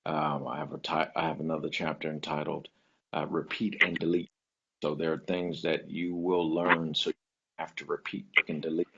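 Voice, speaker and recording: A man who is a preacher and author talking about himself as a guest on a chat show, in a slow, low, smooth manner. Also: little pitch movement, a bit bright. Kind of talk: casual interview talk. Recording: lo-fi sound.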